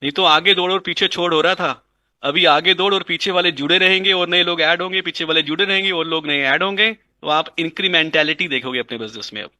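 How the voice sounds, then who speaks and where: A man's voice: fairly high pitch, fairly quick, pushed and bright, dry recording. A man explaining a business plan in an interview, mixing in English and repeating phrases for emphasis. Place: indoors at a dining table.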